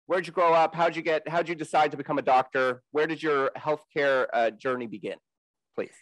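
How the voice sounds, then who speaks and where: A man's voice: a little high, fairly even intonation, a little fast, fairly bright tone, no echo. A male podcast host who asks his guest questions with hesitant filler words. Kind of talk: interview questions.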